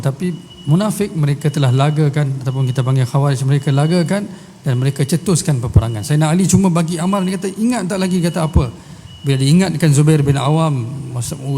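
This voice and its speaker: A man's voice: fairly high pitch, dark tone, slight background noise. A man with a Malaysian Malay accent giving a mosque lecture, telling stories and reciting Arabic verses, with rhetorical questions to his listeners. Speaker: religious teacher. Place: large mosque hall. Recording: long hall reverb.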